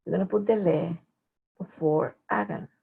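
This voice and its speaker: A woman teaching a language class in a recorded lecture, explaining slowly with frequent filler pauses. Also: fairly low pitch, gravelly, breathy edge. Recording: tinny phone-like lo-fi audio.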